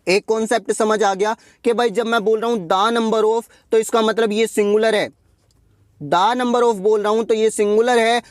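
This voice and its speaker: A man with a high voice teaches an exam-prep grammar lesson. He keeps asking his class questions and answering them himself, repeating each point. He reads example sentences slowly, and the sound is dry and close. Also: no echo.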